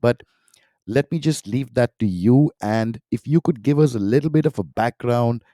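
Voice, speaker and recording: A podcast host welcomes his guest with an enthusiastic, effusive introduction and goes on to ask long questions. His voice is medium-pitched and dark at a moderate pace, recorded dry with clean studio sound.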